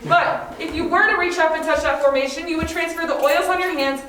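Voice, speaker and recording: A woman with a high voice leads a cave tour and explains things to a group of visitors. Her words ring with a long, booming cave echo and come from some way off the camera, with steady noise behind. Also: brisk. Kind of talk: guided tour talk to a group. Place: inside a large show cave. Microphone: vlogger's camera from a distance. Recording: echoey cave, voice from far off, with background noise.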